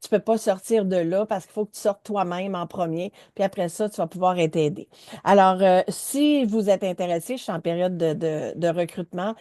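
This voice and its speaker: A woman with a Quebec French accent, a coach hosting an interview and chatting casually, pitching her program with frequent hesitations. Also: normal speed, dark tone, no room sound, clean studio sound.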